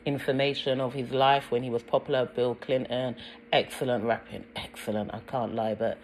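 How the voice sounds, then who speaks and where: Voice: mid-range voice, level tone, normal speed, slight background noise, rough recording. A speaker with a British accent giving earnest, insistent commentary over a music video, with frequent ums and repeated words.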